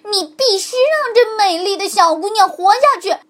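A woman voicing a brave little male talking bone who shouts and scolds. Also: high voice, a little slow, pitched above the performer's own voice. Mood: scolding.

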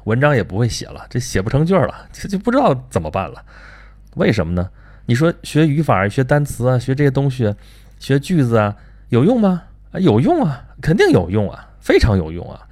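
A man's voice: on the low side, darkish tone. A man giving a casual lecture-style talk, full of rhetorical questions and filler particles. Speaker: host.

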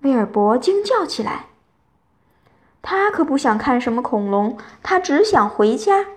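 A woman reading a bedtime story to children, telling it gently and with lively expression. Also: high voice, unhurried.

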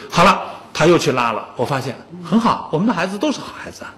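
A man's voice: fairly high pitch, sing-song, quick pace, a bit bright. A man in his fifties giving a public lecture on music, telling anecdotes and joking with the audience.

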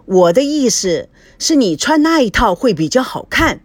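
A woman's voice: a little high, big pitch swings, normal speed, no room sound, voice pushed up. A woman voicing an exasperated young fiancé in an audiobook, impatient and brusque.

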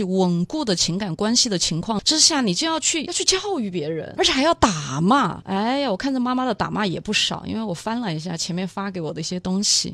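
A woman's voice: mid-range voice, a bit bright, no echo. Blunt, sarcastic female parenting expert. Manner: blunt and sarcastic, then earnestly explaining. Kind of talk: talk show commentary.

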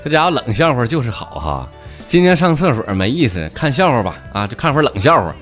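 A man's voice: mid-range voice, sing-song, fast, fairly bright tone, faint music behind. A man with a Northeastern Mandarin accent telling jokes as a stand-up comedian, chatty and full of dialect slang. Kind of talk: comic joke telling.

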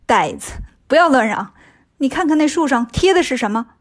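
A woman voicing a cocky, clever male monkey king in a children's audio story, brisk and cheeky. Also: sits high, sing-song.

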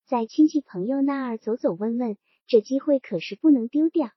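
A woman voicing a calm, insistent local official who presses his point, in a high, husky voice. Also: normal speed, no echo. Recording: dull, dry lo-fi recording.

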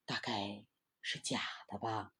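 A woman voicing a big, greedy male tiger in a children's storybook, muttering in a low, grumbling voice. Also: steady tone, slow pace, a bit bright, slightly rough, exaggerated voice. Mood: suspicious muttering.

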